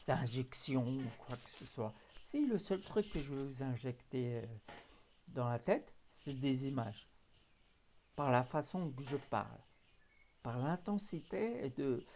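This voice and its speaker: A man's voice: medium pitch, vocal fry, mellow, slight background noise. A man, talking casually and earnestly to his viewers, hesitant with many fillers and restarts. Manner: earnest and emotional. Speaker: hypnotherapist vlogger. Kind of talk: casual direct-to-camera talk.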